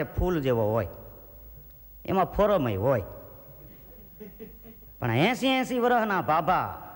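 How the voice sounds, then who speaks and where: A man's voice: sits high, long reverb tail. A man tells jokes on stage as a folk comedian, mocking himself and acting out hecklers. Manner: self-mocking storyteller, acts out hecklers' voices. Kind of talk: stand-up joke telling.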